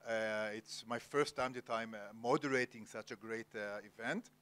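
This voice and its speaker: A man moderates a literary interview on stage in a cultural center event hall in Jerusalem. His mid-range voice is steady, fairly bright, and clean, and he speaks formally but with many filler pauses.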